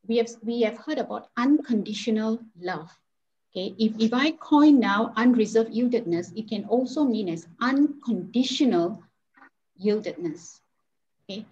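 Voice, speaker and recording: A woman leads a devotional session over an online call, stopping often to restart her sentences and fill pauses. The sound is a little dull and muffled, and a faint hiss runs underneath. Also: mid-range voice, dark tone. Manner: hesitant, with frequent fillers and restarts. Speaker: Bible study speaker. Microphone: video call.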